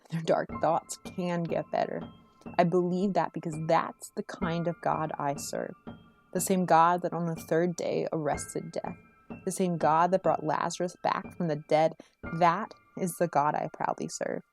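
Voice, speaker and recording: A woman delivers slam poetry in a slightly low, soft-edged and mellow voice. Her phrasing is earnest, measured and rhythmic, leaning on the rhymes as a spoken word poet does. Faint music plays behind her.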